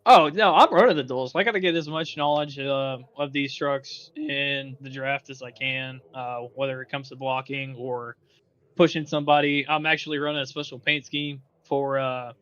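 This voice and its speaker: A racing driver with an Australian accent, laid-back and joking in an interview. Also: male voice, mid-range voice, steady tone, moderate pace, fairly bright tone, clean tone, no echo, lo-fi sound. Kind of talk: post-qualifying interview.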